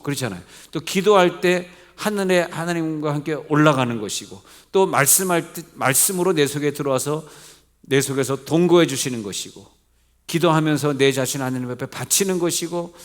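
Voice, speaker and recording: A middle-aged male pastor with a Seoul accent, preaching a midweek church sermon in a conversational way, asking his congregation questions and joking lightly. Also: fairly high pitch. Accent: Seoul Korean. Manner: mixes polite and plain speech, jokes lightly. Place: church sanctuary.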